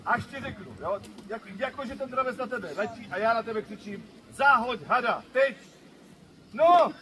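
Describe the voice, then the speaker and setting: A man's voice: high voice, sharp tone. A man at an outdoor falconry show, teasing and bossing a volunteer from the audience in a playful way. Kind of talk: joking audience participation. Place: outdoor field at a bird show. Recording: crowd noise behind.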